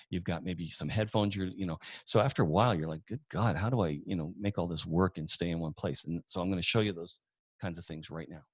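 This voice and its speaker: Man, very low voice, folksy chatty teacher, dry close sound. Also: no room sound. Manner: chatty, folksy, tells anecdotes with acted-out dialogue. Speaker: webinar presenter. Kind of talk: casual demo lesson.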